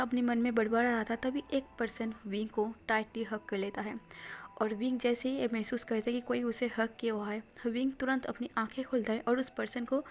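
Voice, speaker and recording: A woman reading a fan-fiction story aloud, her narration soft and often half-whispered. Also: on the high side.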